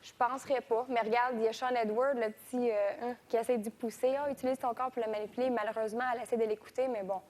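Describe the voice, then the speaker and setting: Quebec woman guest, fast chatty, slightly high. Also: steady tone, a little mellow. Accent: Quebec French. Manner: quick, chatty with fillers. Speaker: guest commentator.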